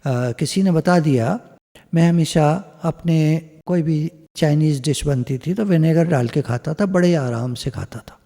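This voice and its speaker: A man with a mellow, slightly high voice gives a chatty spiritual satsang talk over a video call. He piles up repeated phrases in lists, and his throat sounds a bit scratchy. His voice trails in a long reverb. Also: measured pace. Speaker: spiritual teacher. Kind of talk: satsang discourse.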